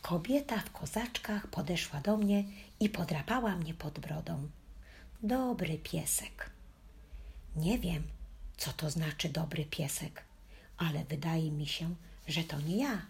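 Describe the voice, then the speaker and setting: A woman's voice: low-pitched, measured pace, gravelly, darkish tone, husky. A woman reading a children's story aloud in the first person as a playful puppy, with a wry storytelling manner. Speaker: audiobook reader.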